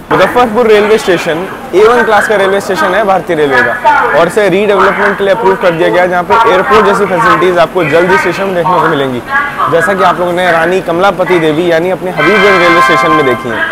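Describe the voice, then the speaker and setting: A young man with a slightly high voice talks viewers through a train trip like a tour guide, chatty and informative. He records on a phone held at arm's length on an open station platform. Loud station noise and passing trains run under everything he says. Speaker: train travel vlogger. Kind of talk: casual travel vlog narration. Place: outdoor railway station platforms. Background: station crowd and trains.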